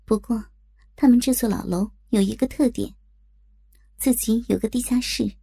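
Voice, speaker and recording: A woman reads a first-person audiobook story with a somewhat high but dark, mellow voice. There is a gravelly, husky grain to her tone, and she tells it in a lively way, voicing the dialogue herself. The recording is dry and close. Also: moderate pace, no room sound.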